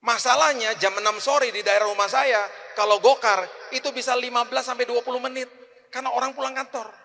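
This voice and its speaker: Bright-voiced animated man preaching. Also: extremely high pitch, fairly quick, vocal fry, long reverb tail. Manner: animated, swings between loud emphatic preaching and quiet storytelling. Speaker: pastor. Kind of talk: sermon with personal story.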